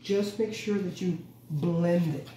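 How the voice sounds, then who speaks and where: A middle-aged man teaches a home recipe on his cooking show, walking through it step by step in a relaxed, instructive manner; he corrects himself and keeps repeating "go ahead and." His voice sits high and he takes it slowly. Recorded by a camera mic from across a large, bright indoor kitchen, the sound is roomy, distant and noisy.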